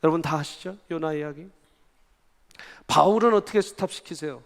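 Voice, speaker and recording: A male guest pastor from Gyeonggi Province preaching a revival sermon. He speaks in a lively way and keeps asking the congregation questions. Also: on the high side, moderate pace, vocal fry, big-room sound. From Gyeonggi Province, South Korea. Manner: animated, asks the congregation questions.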